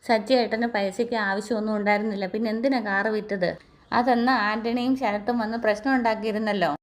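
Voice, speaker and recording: A woman casually retelling a TV serial episode in a chatty way, acting out bits of the characters' dialogue along the way. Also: a little high. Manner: chatty retelling with frequent tag words; briefly acts out the characters' dialogue. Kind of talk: casual spoken story recap.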